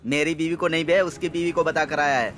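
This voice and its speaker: A man voicing a gruff, scolding tough guy. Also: fairly high pitch, steady tone, a little fast, loud music behind the voice, natural voice. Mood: mocking. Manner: scolding and insulting. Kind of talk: Hindi film dubbing.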